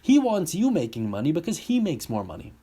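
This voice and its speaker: A man's voice: on the high side, wildly swooping pitch, a little fast, warm tone, breathy edge. A man coaching car salespeople in a blunt, emphatic instructional talk.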